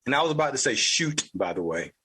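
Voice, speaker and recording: A man's voice: mid-range voice, sing-song, quick pace, bright, forceful tone, breathy edge. A man with a Southern US accent hosting an opinion podcast, talking in a blunt, profane, ranting way. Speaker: podcast host. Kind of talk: opinion commentary.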